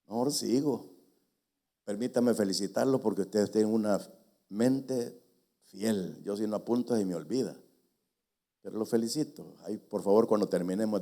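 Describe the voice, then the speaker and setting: Older pastor, warm mellow voice, teaching sermon with asides to the congregation. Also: male voice, medium pitch. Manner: teaching, spells out words letter by letter, jokes with congregation. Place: church.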